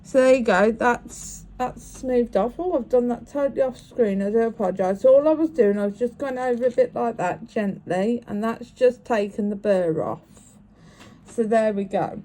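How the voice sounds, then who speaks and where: With a warm, fairly high voice at normal speed, a woman explains each stage of making a bracelet in a crafting tutorial. She is sniffly from a cold and talks in a chatty, apologetic manner.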